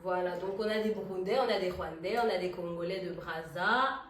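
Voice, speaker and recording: A woman's voice: lowish voice, a little fast, a bit bright. Woman in her twenties, chatty group host, roomy distant sound, faint hiss. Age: 20s. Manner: chatty, mixes in English phrases. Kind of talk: casual group chat.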